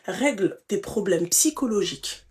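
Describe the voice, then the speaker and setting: A woman hosting a live stream, giving blunt, familiar advice to a caller, full of endearments and animated outbursts. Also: medium pitch, unhurried. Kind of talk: casual live advice chat.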